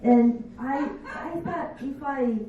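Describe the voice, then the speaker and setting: A woman in her fifties, not a native English speaker, doing a stand-up comedy set with slow, deadpan, self-mocking delivery. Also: high voice. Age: 50s. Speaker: stand-up comic. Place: comedy bar stage. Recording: echoey bar room, distant dull mic.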